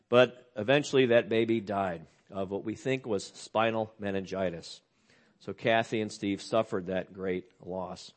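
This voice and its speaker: Earnest older man preaching a sermon. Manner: earnest storytelling, drops low and quiet on sad news, rises on emphasis. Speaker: pastor.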